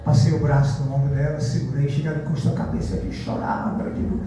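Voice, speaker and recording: A pastor preaching a sermon in a church, telling stories and acting out the people in them. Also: male voice, a little high, fast. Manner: lively storytelling preacher, acts out dialogue. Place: large church hall. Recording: very echoey church from far off.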